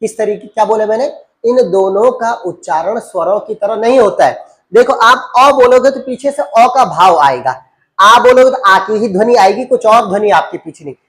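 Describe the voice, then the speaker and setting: A man's voice: high voice, expressive, normal speed, a bit bright. A man teaches a grammar lesson in a patient, drilling way. He keeps asking his students questions and answering them himself, and repeats each key term again and again. He calls them "beta". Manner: addresses students as beta and babu.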